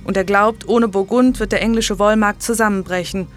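A woman reading an audiobook, voicing a calm, polite young medieval nobleman with a steady, firm manner. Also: mid-range voice, normal speed, faint music behind, voice pushed up, lightly acted.

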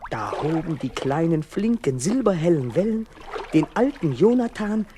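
A man narrating a children's story in a slow, lilting, expressive way. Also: a little high, slight background noise.

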